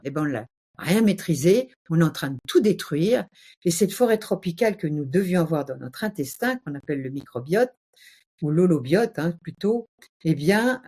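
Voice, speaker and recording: Female guest with a low, mellow voice; passionate, emphatic and animated. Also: slightly rough. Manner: animated, emphatic, uses vivid exaggeration. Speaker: guest health speaker. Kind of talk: passionate casual explanation.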